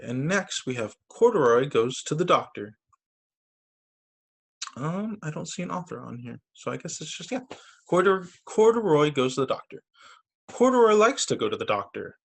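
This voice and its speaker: Reading picture books aloud for kids as a story time teacher, a man on a video call tells each tale in a sing-song, expressive style with quick asides. His voice is a touch high and gravelly.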